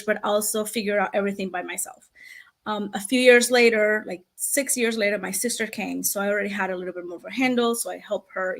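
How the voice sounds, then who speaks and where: An animated woman in her thirties, from Venezuela, speaks as a guest in a casual interview. She talks quickly in a medium voice and tells her story with energy, breaking into laughter here and there. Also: mid-range voice. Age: 30s. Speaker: guest, founder of a language access business.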